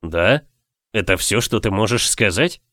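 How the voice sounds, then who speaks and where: A man's voice: fairly low pitch, lively intonation, a little slow, fairly bright tone, dry recording. A man voicing a stern noble husband in an audiobook, speaking coldly in clipped, lecturing sentences. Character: stern lord husband, cold and controlled.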